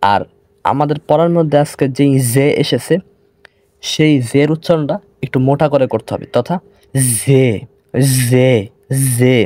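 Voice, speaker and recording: A man with a Bangladeshi Bengali accent teaching an online grammar lesson, slowly repeating sounds to show how they are said. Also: fairly high pitch, a little mellow, dry recording. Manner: slow, repeats sounds to demonstrate pronunciation.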